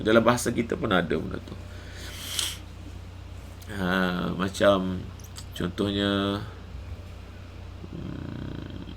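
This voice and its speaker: Bright-voiced recitation teacher. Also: male voice, deep voice, creaky, slight background noise. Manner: explains patiently, then chants drawn-out recitation examples. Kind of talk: live recitation lesson.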